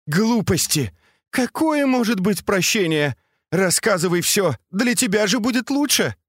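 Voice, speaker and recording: A man reading aloud, voicing an imperious, sharp-tongued noblewoman who scolds and commands her servants. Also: deep voice, very animated, unhurried, no room sound, clean studio sound, voice pushed up. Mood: contemptuous.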